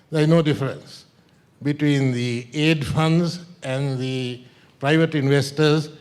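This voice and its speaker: A man's voice: medium pitch, darkish tone. A man from Sri Lanka, a consultant making a frank, wry comment from the conference floor. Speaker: consultant in the audience.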